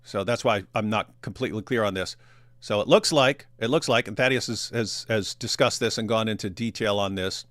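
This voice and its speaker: A man's voice: on the low side, a little fast, fairly bright tone, no room sound. A man hosting a casual reaction commentary, rambling with restarts and laughs as he talks over video clips. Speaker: commentary show host.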